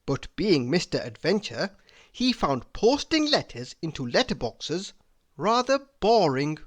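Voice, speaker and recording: A storybook reader delivers a children's book slowly and deliberately, very animated, with pitch that leaps widely between phrases and important words drawn out for emphasis.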